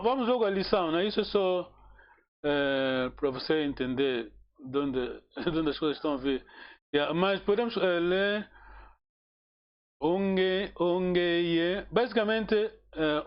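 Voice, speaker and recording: A man teaching a casual one-on-one language lesson, relaxed and encouraging, with many fillers and repeated words. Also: sits high, takes it slowly, clean tone, dull audio.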